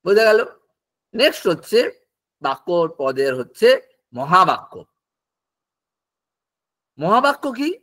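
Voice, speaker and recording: A male teacher, lecturing in a high, bright voice. He works through each point with examples and keeps asking his listeners whether they have understood. His delivery is clear and forceful. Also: very animated, slow pace, long pauses. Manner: explains with examples, asks frequent check questions. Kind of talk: lecture on Sanskrit poetics.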